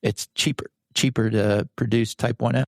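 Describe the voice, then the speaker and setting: Podcast host guy, gravelly voice, dry close sound, laid back. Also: mid-range voice, steady tone, moderate pace, no room sound. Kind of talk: casual podcast conversation.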